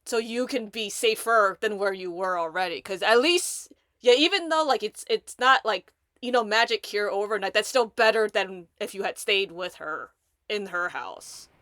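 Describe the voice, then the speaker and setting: A woman's voice: mid-range voice, moderate pace, fairly bright tone, no room sound, studio quality. A woman hosting a podcast in casual chat, sympathetic and loosely conversational as she responds. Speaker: podcast host.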